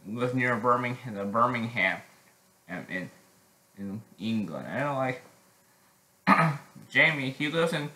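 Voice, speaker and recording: A teenage boy chatting casually in a vlog, halting with many restarts and frequent throat clearing. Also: medium pitch, bright, forceful tone, reverberant, slight background noise, rough recording. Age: teens. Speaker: vlogger.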